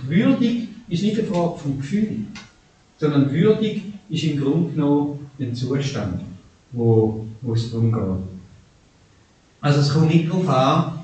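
Preacher in an echoey hall. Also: male voice, fairly high pitch, a little hiss or hum. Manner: animated, shifting between soft and raised. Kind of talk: sermon. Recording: echoey hall, distant mic.

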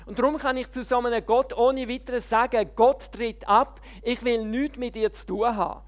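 Brief: an older pastor, firm and sharp-witted, fairly high voice, as a woman preacher quotes him. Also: fairly even intonation, normal speed, close to an everyday voice. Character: quick-witted old male pastor.

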